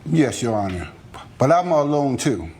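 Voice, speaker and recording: A man's voice: medium pitch, big pitch swings, a little slow, noisy background. An American man in his fifties talking back informally and defensively as a witness in a TV court. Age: 50s.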